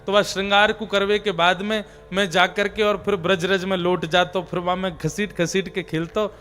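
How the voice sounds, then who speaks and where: A man's voice: high-pitched, flat delivery, moderate pace, fairly bright tone. A male preacher voicing the divine Lord, fondly telling of his childhood in a homely village dialect. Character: divine Lord, playful and affectionate.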